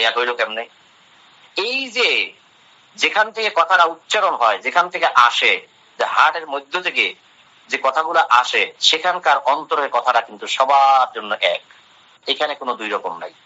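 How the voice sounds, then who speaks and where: An Islamic lecturer gives a religious talk explaining Quran verses. His mid-range voice is bright and forceful as he translates the Arabic phrase by phrase and poses and answers his own questions. The recording has a dull, lo-fi sound.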